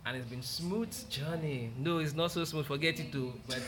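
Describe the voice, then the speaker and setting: A man's voice: on the high side, normal speed, a bit bright. A Nigerian man chatting casually as an interview guest, repeating himself for emphasis in a laid-back way. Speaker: photographer, podcast guest.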